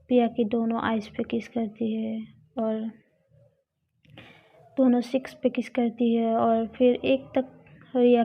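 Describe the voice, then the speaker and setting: A woman narrating a love story in a plain, unhurried telling. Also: fairly high pitch. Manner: slow, plain retelling. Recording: dull lo-fi recording.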